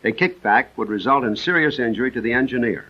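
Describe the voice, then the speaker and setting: This medium-pitched American male narrator delivers a scripted military lesson on a dull, band-limited soundtrack from the 1940s. While he stays measured and precise and presents each step in sequence, his tone comes across animated, bright, and forceful.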